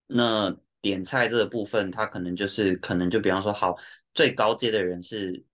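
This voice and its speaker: On a podcast, a Taiwanese Mandarin-accented man based and working in Japan explains with examples in a relaxed chat, mixing in Japanese and English words. He speaks at a moderate pace with fairly even intonation, his lowish voice a bit bright; the sound is dull and lo-fi.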